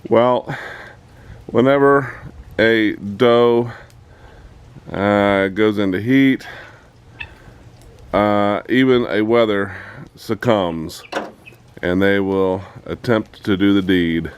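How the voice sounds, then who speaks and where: Low-voiced chatty hobby farmer outdoors. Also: male voice, drawn-out words, long pauses, smooth. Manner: chatty and joking, talks to his animals. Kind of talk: casual vlog narration. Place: outdoors by a farm fence.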